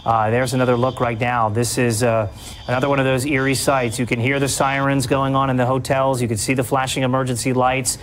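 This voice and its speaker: A man's voice: mid-range voice, level tone, brisk. Male news anchor over noticeable background noise. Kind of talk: live storm coverage commentary.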